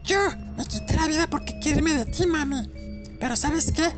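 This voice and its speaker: A woman's voice: sits high, normal speed, lightly acted. A woman voicing a demon posing as a small boy, calling in a singsong, mocking way. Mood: menacing. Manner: singsong, taunting child's calls. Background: music.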